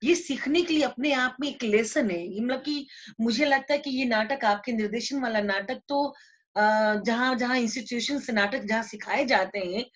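A woman's voice: a little high, normal speed. A woman with an Indian Hindi accent hosting an online theatre workshop, speaking in an effusive, eager and appreciative way. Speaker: workshop host. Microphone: video call. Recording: muffled video-call audio.

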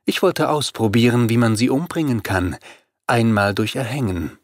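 A man voicing a scornful female vampire queen who speaks calmly and mockingly in an audiobook. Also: medium pitch, moderate pace, no echo, clean studio sound, close to an everyday voice.

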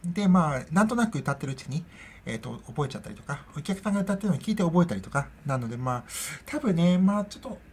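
Chatty, rambling woman with a husky voice. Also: low voice, very animated, fast, darkish tone. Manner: rambling, chatty, laughs often. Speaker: podcast host. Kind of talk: casual solo chat. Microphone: own podcast microphone.

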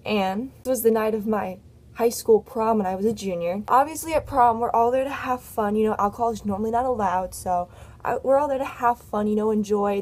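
A young woman vlogger telling a personal story in a chatty, candid way, her voice a little hoarse because she is losing it. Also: medium pitch, darkish tone. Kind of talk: casual storytelling vlog.

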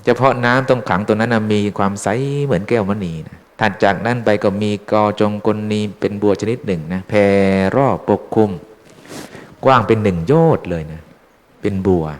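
A Buddhist monk giving an informal, chatty dharma talk, teasing his listeners with questions. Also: fairly low pitch. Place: temple hall. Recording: long hall reverb.

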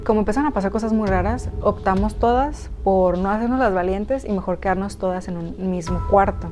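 A chatty Mexican woman, a YouTuber, tells a personal story in casual storytime narration, addressing viewers directly and using many fillers. Her medium-pitched voice is mellow and a little fast. Music plays in the background.

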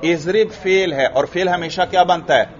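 A man's voice: sits high, normal speed, lo-fi sound. A man from Pakistan with a Pakistani Urdu accent, teaching a classroom grammar lecture and asking his students questions, then repeating their answers.

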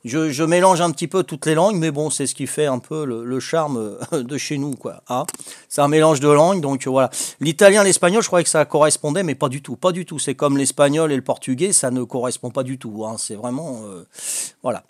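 This vlogger learning a language is an older man with a Corsican French accent, talking fairly quickly in a voice on the high side. His casual home-video chat is hesitant and joking, packed with fillers and restarts. The recording has studio quality and no echo.

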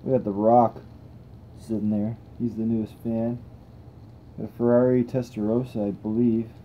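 A man's voice: fairly low pitch, normal speed, narrow, tinny audio, slight background noise. A young man hosting a toy car channel, chatting casually and thinking aloud as he tests cars on a table indoors. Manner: relaxed, rambling, thinks aloud while testing cars.

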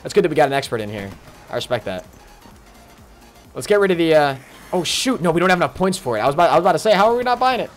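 A man talking through a live game stream in a slightly high, very lively voice. He chats casually, greets viewers by name and breaks into sudden excited outbursts. Faint game music plays underneath. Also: racing, pauses often. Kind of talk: live gaming stream commentary.

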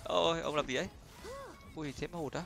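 A man commentating his own gameplay live, teasing and excitable, laughing often. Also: fairly high pitch, brisk, vocal fry. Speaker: gaming streamer. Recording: music playing behind.

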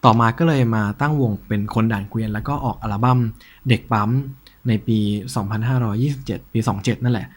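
Husky man presenting casually. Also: medium pitch, quick pace. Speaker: host of a cassette collection show. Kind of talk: casual show-and-tell commentary.

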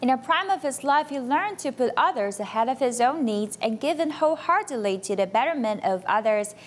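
A woman reading a scripted news voice-over in an even, measured way. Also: high voice, a little hiss or hum. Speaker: news narrator. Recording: voice-over with loud music bed.

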